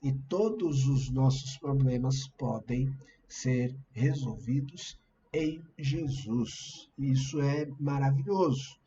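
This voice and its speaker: Brazilian pastor preaching, muffled stream. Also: male voice, mid-range voice, takes it slowly, warm tone, slight background noise. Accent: Brazilian Portuguese. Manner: conversational, explanatory, shares screen slides. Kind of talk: sermon.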